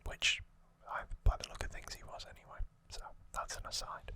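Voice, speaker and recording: Speaking in a breathy hush, an ASMR host gives a casual, leisurely recap, softly pausing for the occasional conversational aside.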